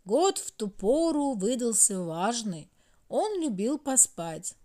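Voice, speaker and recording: A woman narrating a children's fairy tale in an expressive storytelling manner. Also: on the high side, slow pace. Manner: sing-song, expressive.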